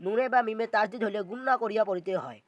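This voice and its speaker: A high-pitched man teaches Quran reading at a rapid-fire clip, spelling out letters and syllables one at a time and repeating them in a patient, step-by-step recitation lesson. The recording is dry, with the highs cut off.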